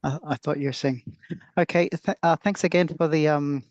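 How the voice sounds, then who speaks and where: A man's voice: a little high, fairly even intonation, normal speed, a little mellow, no room sound. Hesitant man lecturing online. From Samoa. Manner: hesitant, many fillers and restarts. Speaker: clinical advisor giving a webinar talk. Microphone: video call. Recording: dull lo-fi video call audio.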